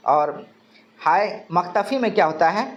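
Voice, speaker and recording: A man's voice: high-pitched, animated, a little slow, highs cut off. A male teacher giving an exam-prep grammar lesson, asking questions and answering them himself, repeating key terms.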